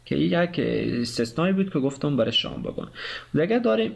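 A man with a slightly high voice and an Afghan Dari accent teaches German verbs in a lesson. He hesitates often, filling gaps with "uh" sounds. He reads the conjugation tables slowly and carefully. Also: sing-song, vocal fry. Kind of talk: explaining grammar, conjugating verbs aloud.

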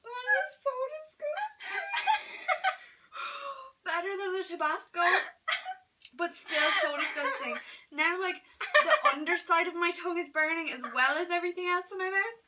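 Giggly dramatic girl vlogging, high voice, bit far from the mic, faint hiss. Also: sing-song, moderate pace, pauses often. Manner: giggly, dramatic, squeals often. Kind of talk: casual chat. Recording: slightly distant camera mic with faint hiss.

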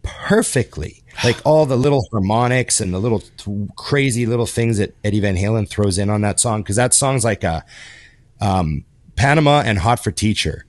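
Low-voiced man in casual podcast chat. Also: moderate pace, no echo. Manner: rambling, heavy on fillers and restarts. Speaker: podcast co-host. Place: home studio with video call. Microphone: headphones and desk microphone.

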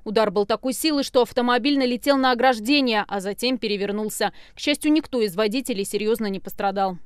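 A woman correspondent reading a scripted news review of road accidents in a brisk newsreader delivery. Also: fairly high pitch, smooth, dry recording, studio quality.

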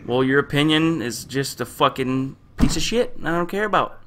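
A man's voice: a little high, expressive, moderate pace, background noise. A young man casually commenting while he plays a computer game, joking crudely and swearing a lot. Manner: puts on silly accents to read game text. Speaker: gamer. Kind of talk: profane let's-play commentary.

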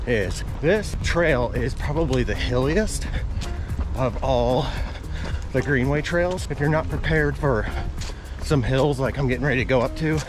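Man vlogging while running outdoors, music behind. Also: mid-range voice. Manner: talking while out on a run. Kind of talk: casual vlog narration while running. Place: outdoors on a greenway trail. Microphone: action camera on a pole. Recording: music behind, outdoor action-camera sound.

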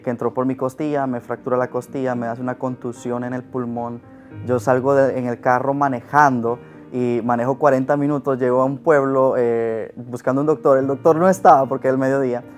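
A young man sharing a personal testimony with earnest, emotional storytelling, then leading a prayer. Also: medium pitch. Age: young adult. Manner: earnest, emotional storytelling, often rising in loudness. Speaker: testimony speaker.

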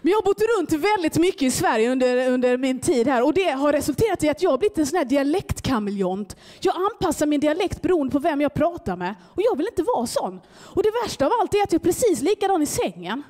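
A woman performing a stand-up comedy set in a club, telling stories and acting out short exchanges. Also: high voice. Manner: animated storytelling, acting out short dialogues. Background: audience laughter.

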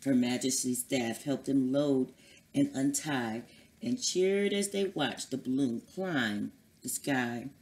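A woman reads a picture book aloud to children, slow and unhurried. Her voice sits very low, and she puts on voices for the animals. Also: a little hiss or hum. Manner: lively storybook reading with character voices. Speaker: guest reader.

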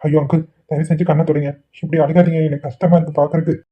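A man voicing a kind, polite young village man in a cartoon, speaking gently and reassuringly. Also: a little high, level tone, quick pace, husky. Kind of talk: Tamil cartoon voice acting. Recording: tinny phone-like lo-fi audio.

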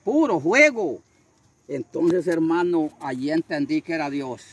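Older guy preaching, husky, pitch jumps all over, crickets chirping behind. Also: expressive, a little slow. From Honduras. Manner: fervent, repeats phrases, acts out voices in his story. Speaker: street preacher. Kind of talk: storytelling interview.

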